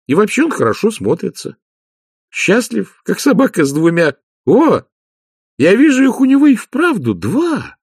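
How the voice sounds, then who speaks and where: A man playing a sharp scolding young woman. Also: high-pitched, huge pitch swings, moderate pace, breathy edge, no room sound, clean studio sound, voice pushed up, heavily acted. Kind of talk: audiobook character voice.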